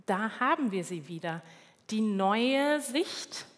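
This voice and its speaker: A woman giving a sermon in a calm, measured way, now and then correcting herself. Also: mid-range voice, big-room sound. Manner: calm, measured, with small slips and self-corrections. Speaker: preacher.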